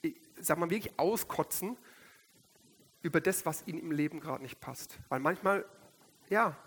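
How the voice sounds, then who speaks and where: A man's voice: fairly high pitch, animated, moderate pace, a bit bright, breathy edge. A man giving an earnest devotional sermon, speaking straight to his listeners and citing Bible verses. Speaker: preacher. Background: instrumental music.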